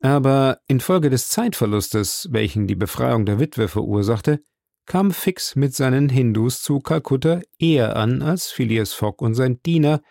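Slow, gravelly male audiobook narrator. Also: medium pitch, no room sound, studio quality. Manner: slow, steady storytelling.

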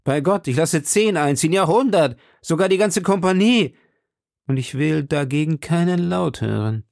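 Male reader doing a commanding, exasperated king, louder and higher than his narration, gravelly. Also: expressive, moderate pace, no echo, clean studio sound. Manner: imperious, loud, exasperated. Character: irritable commanding king, middle-aged man. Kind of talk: audiobook character voice.

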